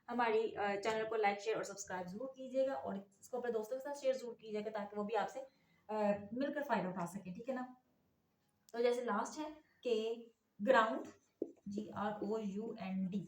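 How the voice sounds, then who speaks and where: A woman teaching an English phonics lesson. She explains letter sounds, spells words out letter by letter and keeps checking in with a quick "theek hai na". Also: on the high side, a little mellow, roomy sound, a little hiss or hum, poor audio.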